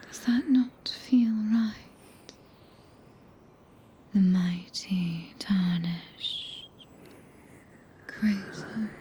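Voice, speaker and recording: A woman with a British accent playing a regal, tender witch consort in a whispered ASMR roleplay, breathy and soothing, with archaic phrasing. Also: medium pitch, mellow, slight background noise. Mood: tender, adoring. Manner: slow, archaic, soothing speech.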